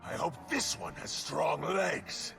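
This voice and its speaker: A man voicing a savage, hungry wolf spirit in a video game, growling and excitable, speaking in blunt bursts. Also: fairly high pitch, slow, full character voice. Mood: menacing, eager. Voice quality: gravelly, growling. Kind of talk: video game character voice acting. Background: music.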